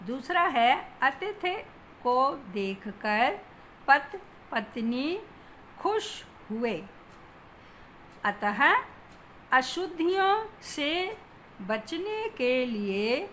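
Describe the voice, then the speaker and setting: A woman teacher giving a Hindi lesson to children, dictating slowly and stressing each word. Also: sits high, bright, forceful tone, slight background noise. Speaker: school teacher.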